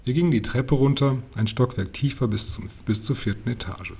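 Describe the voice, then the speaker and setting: A man reading a children's book aloud in a steady, plain storytelling manner, with the odd small slip. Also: medium pitch, fairly quick, husky. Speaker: audiobook reader.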